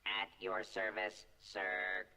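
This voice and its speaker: A man's voice: on the low side, flat delivery, takes it slowly, pushed and bright, a little hiss or hum, heavily acted. A man voicing a courteous game robot servant with a formal, deferential manner and a robotic voice. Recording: game audio, echoey and distant, music behind.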